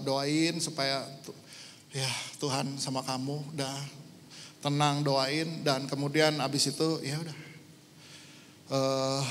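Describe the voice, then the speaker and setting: A middle-aged man from Indonesia preaching a sermon as a pastor, telling a story and dropping English phrases into his talk. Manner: storytelling, lively swings in pitch and loudness, mixing in English phrases. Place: church hall. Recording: church hall with long reverb.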